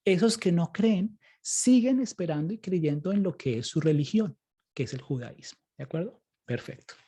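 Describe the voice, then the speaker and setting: Man, Colombian accent, priest, Bible study lecture, patient explanations, husky voice, fairly high. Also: animated, normal speed, mellow. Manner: explains patiently, often tags sentences with "¿cierto?" and "¿sí?".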